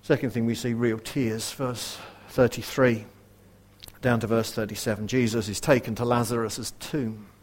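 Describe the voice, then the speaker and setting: A man preaching a sermon in an earnest way, asking his listeners direct questions and dropping to a hush for quoted verses. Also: medium pitch, level tone, moderate pace. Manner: varies loudness widely, dropping to a near whisper for quoted verses.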